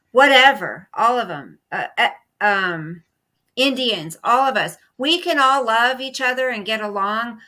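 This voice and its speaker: A woman's voice: fairly high pitch, sharp tone, low-quality recording. A middle-aged woman co-hosting a casual political chat at home, talking in an emphatic, indignant way and repeating her points. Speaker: co-host. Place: at home, live stream.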